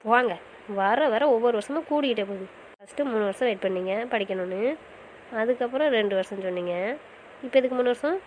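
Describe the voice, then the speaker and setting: A woman voicing a sulky, playful young wife who talks back quickly in an audio romance series. Her voice sits fairly high and she speaks. A faint hiss runs under the home recording. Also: a little mellow, natural voice, rough recording. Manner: fast, pouty back-talk.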